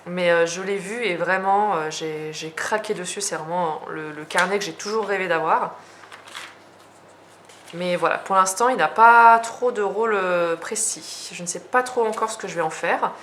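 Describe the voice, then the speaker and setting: A woman's voice: on the low side, moderate pace, fairly bright tone, slight background noise. A young French woman chatting casually as she shows her journals, talking with many fillers and restarts. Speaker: journaling vlogger. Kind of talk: casual show-and-tell.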